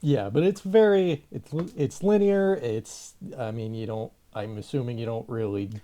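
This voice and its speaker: A man co-hosting a podcast, chatting casually in a hesitant, halting way and often repeating words. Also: mid-range voice, dark tone. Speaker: podcast co-host. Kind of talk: casual chat.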